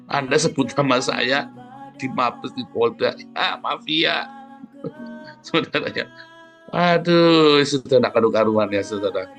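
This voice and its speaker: A man preaching a sermon in a conversational, animated way, often turning to address his listeners directly. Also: mid-range voice.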